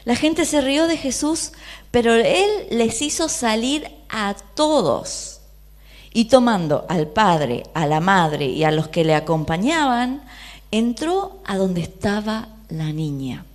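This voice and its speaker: A woman's voice: mid-range voice, slow. A woman with a Rioplatense Argentine accent preaching a sermon, often asking the audience questions and briefly voicing the people in the story. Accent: Rioplatense Spanish. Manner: lively, questioning the audience, acting out quoted voices.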